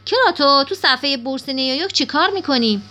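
Young eager boy in a storybook reading, woman doing the voice, raised pitch, questioning. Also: animated, sharp tone. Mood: curious. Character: boy narrator-hero, young and curious.

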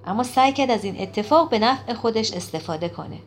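A woman reading an audiobook in an expressive storytelling manner. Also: a little high, slight background noise. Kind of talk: audiobook narration.

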